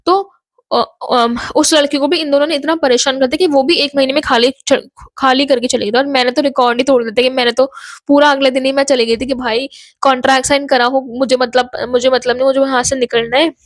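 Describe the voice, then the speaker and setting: A woman's voice: high voice, fairly even intonation, a little fast, no echo. A young woman from India, telling a rambling story-time vlog and mixing in English phrases. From Ghaziabad, North India. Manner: chatty, rambling, mixes Hindi and English. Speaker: vlogger.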